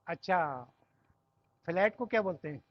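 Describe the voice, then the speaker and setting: A man's voice: a little high, expressive, no echo, lo-fi sound. A man with a Pakistani Urdu accent teaching Arabic grammar, explaining step by step and checking with the class. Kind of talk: classroom lesson.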